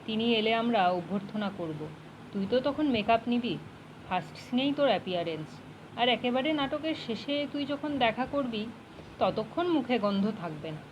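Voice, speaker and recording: A woman's voice: a little high, expressive, moderate pace, muffled recording, noisy background, natural voice. A woman reading the lines of a chatty, teasing middle-aged male writer friend in a storybook reading. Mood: friendly. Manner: teasing, talkative.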